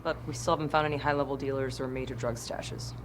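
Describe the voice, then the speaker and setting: Low-voiced, deadpan detective. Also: female voice, fast, a little hiss or hum. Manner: terse, deadpan. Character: blunt, deadpan female police detective. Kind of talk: sitcom acting.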